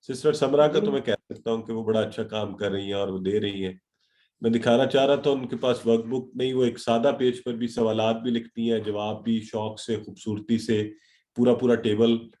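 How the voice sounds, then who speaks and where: A man's voice: mid-range voice, a little mellow. A middle-aged man teaching a grammar lesson over a video call, encouraging and dropping English words into his talk. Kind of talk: online class lecture.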